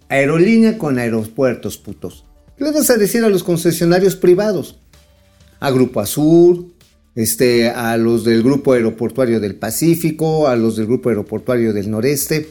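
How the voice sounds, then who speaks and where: A man's voice: mid-range voice, darkish tone. A man with a Mexican accent giving casual, profane financial commentary as co-host, joking and swearing freely. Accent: Mexican Spanish. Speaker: co-host of a financial talk show.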